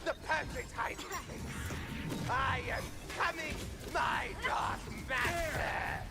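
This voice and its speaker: A man voicing a maniacal undead minion in a video game, bombastic and gloating, with a gravelly voice. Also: very high-pitched, takes it slowly, loud music behind the voice, full character voice. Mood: fanatical triumph. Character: shrieking, maniacal undead villain minion devoted to dark master. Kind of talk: video game villain acting.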